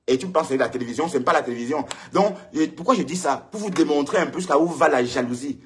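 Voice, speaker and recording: A man hosting his own live stream alone with a ring light. He rants heatedly at rivals, repeating his warnings, and his pitch jumps up when he gets worked up. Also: fast talker. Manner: heated, repetitive, addresses rivals directly. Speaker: online show host. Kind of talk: solo live-stream rant.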